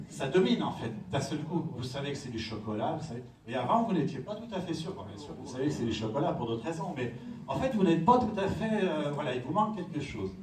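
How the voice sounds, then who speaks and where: A man's voice: fairly high pitch, sing-song, quick pace, background noise. A man giving a conference talk, explaining patiently and often checking in with the audience. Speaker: conference speaker. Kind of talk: lecture talk. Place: conference room. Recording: echoey hall from far off.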